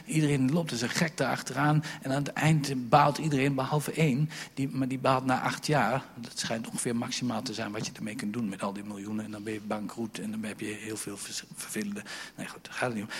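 Husky-voiced man preaching in a reverberant hall. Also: medium pitch. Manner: conversational preaching with asides to the congregation. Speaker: pastor. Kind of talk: sermon. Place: church hall with congregation.

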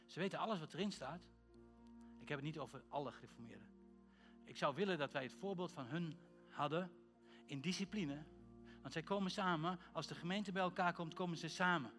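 Male pastor, bright high voice, fervent preaching over soft music. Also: a little fast. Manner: fervent, builds to loud calls. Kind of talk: sermon with prayer.

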